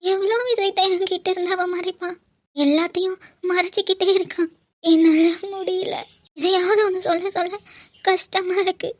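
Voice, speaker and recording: A woman's voice: very high voice, flat delivery, a little mellow. A woman voicing a crying, heartbroken mother. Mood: grieving. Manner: halting, stammering speech. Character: heartbroken mother, grieving for her daughter. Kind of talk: cartoon voice acting.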